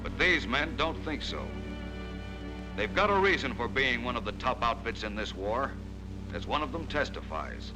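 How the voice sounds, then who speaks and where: Over a loud music score, a man with a mid-range voice narrates in a sing-song way at normal speed, and the recording is rough. His delivery is declamatory, solemn and emphatic, evoking a 1940s wartime newsreel, with an old newsreel narration effect.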